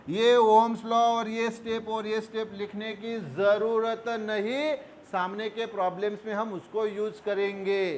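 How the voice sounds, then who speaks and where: A male physics teacher, explaining a problem at the board. He talks patiently, calls his students fondly and answers his own questions. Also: high-pitched. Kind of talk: board lesson. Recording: faint background noise.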